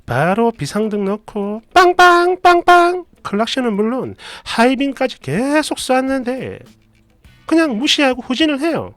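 Lively, chatty story narrator. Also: mid-range voice, normal speed, dry recording, soft background music. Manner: lively, chatty, adds asides and comments. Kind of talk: casual narration of a reader's story.

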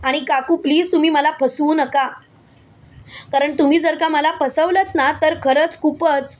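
A woman's voice: high-pitched, steady tone, measured pace. An urgent pleading young woman, voiced by a narrator.

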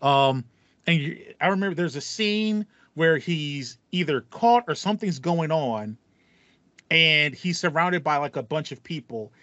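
With a fairly high, slightly bright voice and lively intonation, this American man in his thirties talks in an unhurried way. He's co-hosting a casual video game podcast, tossing in slangy storytelling asides. He uses a headset on a video call in a small foam-paneled home room, and the sound is lo-fi with no room sound.

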